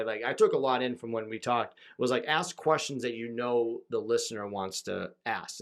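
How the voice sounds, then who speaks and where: A young man hosting a podcast interview, relaxed and conversational, recording in a small closet. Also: fairly low pitch. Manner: relaxed, conversational, frequent fillers. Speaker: podcast host. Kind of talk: casual interview chat.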